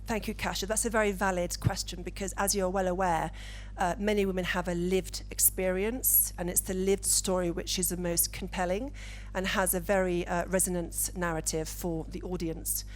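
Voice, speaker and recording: A woman from the UK speaking as a panelist, measured and deliberate, on a conference stage with a handheld mic. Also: lowish voice, level tone, slight background noise. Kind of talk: panel discussion.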